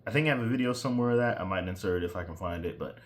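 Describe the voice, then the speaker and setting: A man's voice: deep voice, very fast. A man casually walking through how he mixed his own song, rambling, wandering off topic and poking fun at himself. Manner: rambling, self-deprecating, digresses. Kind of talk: casual screen-share tutorial.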